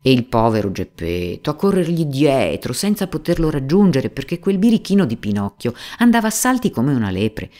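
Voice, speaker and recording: Woman narrator, very low voice, wildly animated delivery, storybook reading. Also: a little fast, few pauses. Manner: expressive, dramatic storytelling.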